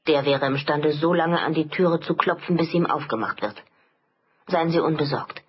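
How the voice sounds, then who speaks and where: A woman reading an audiobook, voicing an earnest young male lieutenant who talks brisk and reassuring in a lowered voice. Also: husky, dull audio.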